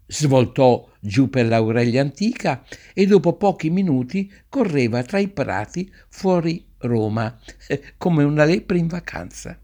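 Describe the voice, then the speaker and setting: A man narrating a children's story aloud in an expressive read-aloud style, slowing and softening for effect. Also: a little high. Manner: expressive, varies pace for effect.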